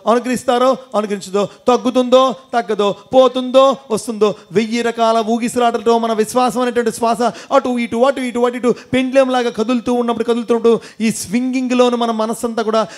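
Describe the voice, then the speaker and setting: A man giving a devotional storytelling talk to an audience in a temple hall, asking them questions and acting out the characters. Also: very high voice. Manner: asks audience questions, acts out voices. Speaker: motivational speaker.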